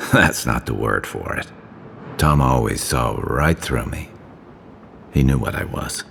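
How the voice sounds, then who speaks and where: A weary, guilt-ridden veteran mercenary. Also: male voice, very deep voice, vocal fry, fairly bright tone, full character voice. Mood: somber. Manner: halting, confessional. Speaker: companion character. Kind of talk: video game voice acting. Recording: game audio with long reverb and faint noise.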